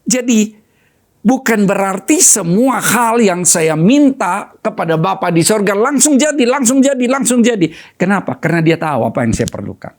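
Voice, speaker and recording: A middle-aged man preaches a sermon in a fairly high voice. His pitch leaps and falls widely as he talks. He preaches with an animated, swinging delivery. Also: normal speed. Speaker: pastor.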